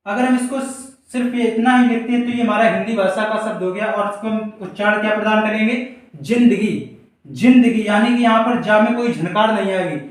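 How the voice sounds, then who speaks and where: A man's voice: high-pitched, steady tone, brisk, hardly any pauses. Male teacher, board lesson, rhetorical questions, repeats example words, very echoey room. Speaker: Hindi teacher. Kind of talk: board lesson for exam students. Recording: very echoey room, mic far off.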